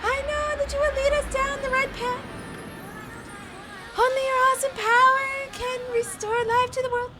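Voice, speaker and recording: A woman voicing a gentle female tree goddess from a video game, reading earnestly and slowly over a noisy mic. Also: very high voice, little pitch movement, faint music behind, a faint crowd, pitched above the performer's own voice. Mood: solemn.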